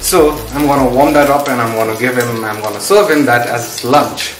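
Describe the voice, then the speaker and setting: A man's voice: medium pitch, moderate pace, reverberant, faint music behind, low-quality recording. A young man from India chatting casually in a vlog, switching between English and Hindi, recorded in a small home room and kitchen. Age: young adult. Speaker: vlogger.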